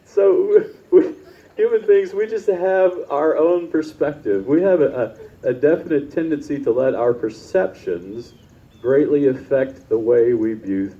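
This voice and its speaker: A man's voice: medium pitch, mellow. A man preaching a conversational sermon, telling personal stories in a chatty, informal way and often tossing in "right?". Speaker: pastor. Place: church service. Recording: dull, lo-fi service recording.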